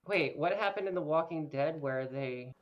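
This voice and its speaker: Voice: mid-range voice, normal speed, muffled recording. A tabletop game player chatting casually with the group.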